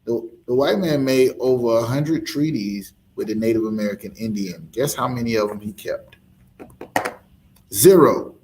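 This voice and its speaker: A man's voice: medium pitch, normal speed, a little mellow, slight background noise. A man teaching as a street preacher, emphatic and full of rhetorical questions, with laughing asides.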